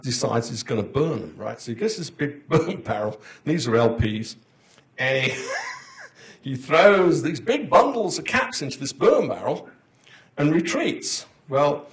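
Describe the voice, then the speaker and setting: An older man giving a conference lecture, rambling through anecdotes and chuckling at his own stories. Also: medium pitch. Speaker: conference presenter. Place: conference hall. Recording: roomy echo of a conference hall.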